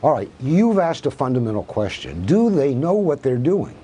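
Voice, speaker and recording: A man's voice: mid-range voice, sing-song, normal speed, mellow, a little hiss or hum. A man, a professor and guest on a televised news interview, arguing emphatically and asking rhetorical questions. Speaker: professor of Russian studies, guest.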